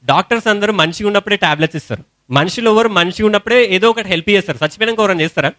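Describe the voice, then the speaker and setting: Young male preacher, Telangana Telugu accent, high voice, colloquial storytelling sermon. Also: rapid-fire. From India. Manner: storytelling sermon in colloquial speech, rising to shouted hallelujahs.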